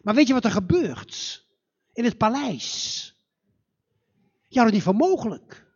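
A male storyteller tells a fairy tale live in a church, slow and dramatic, his high voice swooping widely. His tone is breathy and husky. The recording is dull and muffled. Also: big pitch swings.

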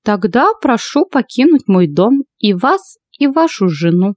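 A woman voicing an old witch in an audiobook, with a creaky voice and a slow, steady, coldly menacing delivery. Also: mid-range voice, no room sound, voice pushed up. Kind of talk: audiobook character voice.

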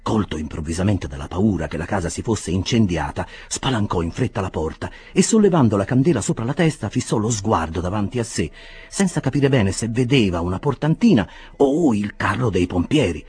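A man reading a classic novel aloud as an expressive, dramatic narrator. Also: lowish voice, brisk, breathy edge. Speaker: audiobook reader. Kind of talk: audiobook narration.

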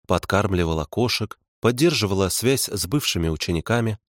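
A man reading a composed woman investigator, cool and dispassionate in an unhurried way. The voice stays lowish and dry, close to the mic. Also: expressive, no room sound, lightly acted. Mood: calm.

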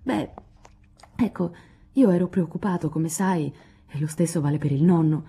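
A woman's voice: deep voice, moderate pace, dark tone, husky, heavily acted. A woman reading a teasing, kind teenage boy. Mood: reassuring. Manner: reassuring, playful. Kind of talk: audiobook character reading.

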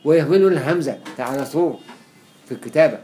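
A man with an Egyptian accent giving a classroom lecture, quickly listing examples and repeating words for emphasis. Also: fairly high pitch, dark tone, faint music behind. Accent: Egyptian Arabic. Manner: explains quickly with many examples, repeats words to stress them. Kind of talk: classroom lecture on Arabic spelling.

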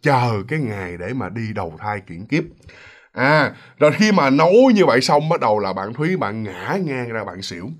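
A man's voice: mid-range voice, animated, moderate pace. A man narrating a ghost story in a chatty way, talking straight to his listeners. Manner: chatty, addresses listeners directly. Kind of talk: casual storytelling.

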